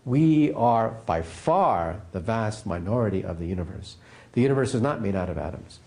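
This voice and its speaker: Physicist guy in an interview telling it like a story, gravelly and kinda dark voice. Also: lowish voice, normal speed. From United States. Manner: animated storyteller, emphatic. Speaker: physicist guest. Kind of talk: interview, explaining science.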